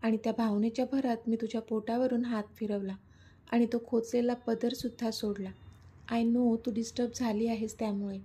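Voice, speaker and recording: A teasing, lovestruck young man, as a woman narrator puts him on, coaxing and pleading in a storybook reading. The voice is mellow and a little breathy and sits fairly high. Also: level tone, normal speed. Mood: coaxing, playful.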